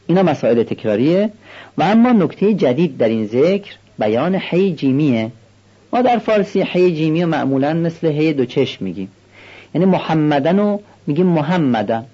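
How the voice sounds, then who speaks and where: A man teaching how to recite a prayer call, explaining calmly and slowing down to demonstrate the pronunciation. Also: on the high side, breathy edge, dull audio. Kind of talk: instructional explanation with recited examples.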